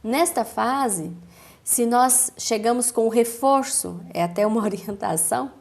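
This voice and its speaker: A woman with a Brazilian accent, a speech therapist giving a calm, didactic explanation in a TV interview, with measured pauses. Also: on the high side, gravelly. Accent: Brazilian Portuguese.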